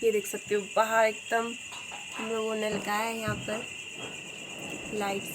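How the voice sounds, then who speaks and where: A woman vlogger with a hoarse voice chatting casually to her viewers, filming on a phone at her home at night. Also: a little high, monotone, unhurried. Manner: chatty, talks straight to viewers. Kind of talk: casual festival vlog narration. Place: home at night, indoors and outside. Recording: noisy with crickets behind. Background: crickets and insects chirping.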